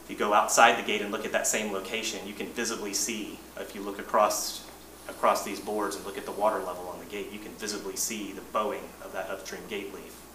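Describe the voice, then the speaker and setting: A man, an engineering manager, presenting updates to a board in a measured, plain-spoken way, often restarting his sentences. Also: on the low side, little pitch movement, pushed and bright. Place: boardroom meeting. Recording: roomy distant mic, noisy meeting room.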